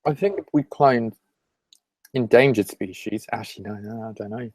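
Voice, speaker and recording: A man's voice: lowish voice, moderate pace, darkish tone, dry recording. A man co-hosting a casual podcast chat, joking and laughing often as he rambles through his points. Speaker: podcast co-host. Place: at home while eating.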